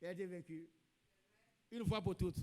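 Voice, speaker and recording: A man's voice: high voice, moderate pace, mellow. A man preaching a sermon in a church, emphatic and repeating his key phrases. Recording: long reverb in a church hall.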